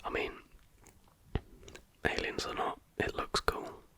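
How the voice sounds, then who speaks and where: A British ASMR host whispers slowly, offering casual reaction commentary in a hushed, informal, chatty ramble.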